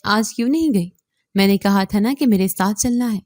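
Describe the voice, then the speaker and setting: A woman voicing an abusive middle-aged father who shouts harsh threats in a raised, loud voice. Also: medium pitch, lively intonation, no room sound, studio quality, natural voice. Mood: furious, threatening.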